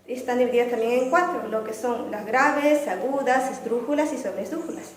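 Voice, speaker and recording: A woman's voice: fairly high pitch, normal speed, roomy sound, crowd noise, rough recording. A young woman, a student, giving a class presentation, explaining topics and posing questions she then answers herself. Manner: explanatory, often asks and answers her own questions.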